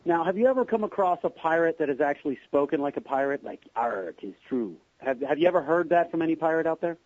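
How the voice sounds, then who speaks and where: A man co-hosts a radio interview, tossing in joking questions at a brisk clip. His voice sits a bit high and the sound is dry with a dull top. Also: darkish tone, no echo. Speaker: radio co-host.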